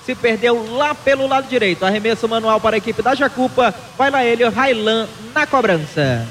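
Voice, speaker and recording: A man's voice: extremely high pitch, animated, fairly quick, a bit bright, a little hiss or hum. A Brazilian man giving live radio reports on a football match as the sideline reporter. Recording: radio broadcast with music behind.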